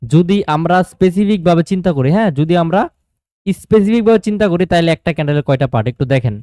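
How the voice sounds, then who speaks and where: A man's voice: high voice, lively intonation, fast, dark tone, dry recording, studio quality. A man with a Bangladeshi Bangla accent teaching a live online trading class, asking questions and answering them himself and mixing in English terms.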